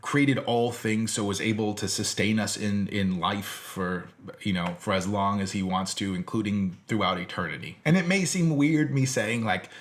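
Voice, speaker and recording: An American man delivers an informal philosophy lecture, speaking directly to his audience as a teacher would, in a conversational and emphatic style. His voice is on the low side and his pace is normal.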